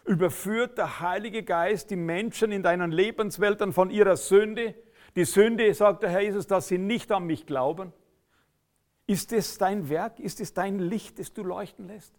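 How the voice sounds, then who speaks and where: Gravelly German-speaking preacher man. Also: high-pitched, measured pace. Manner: emphatic, swings from loud outbursts to quiet intensity. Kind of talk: sermon.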